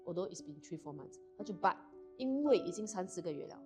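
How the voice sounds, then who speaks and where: Quick young woman, lowish voice, flips between mandarin and english, telling her story on a talk show. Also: expressive, music in the background. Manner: fast, mixes Mandarin and English mid-sentence. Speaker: guest. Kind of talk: candid personal storytelling.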